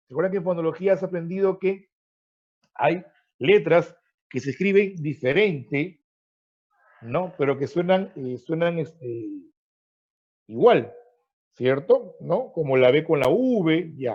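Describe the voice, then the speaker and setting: Male online tutor, slightly high, keeps checking the class understands, muffled call audio. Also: animated, moderate pace. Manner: explanatory, checks in with frequent "¿ya?" and "¿no?"; repeats words while searching. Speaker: teacher. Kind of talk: online pre-university grammar class. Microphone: video call. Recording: dull lo-fi video call audio.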